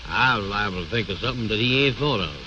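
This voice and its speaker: A man's voice: fairly low pitch, animated, fast, natural voice. An actor playing a bossy, self-important man who blusters in folksy ungrammatical speech, in old radio comedy style. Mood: bossy, evasive. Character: pompous, bossy, know-it-all man bluffing his friend. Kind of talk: 1930s-40s radio comedy acting. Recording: muffled, noisy old radio recording.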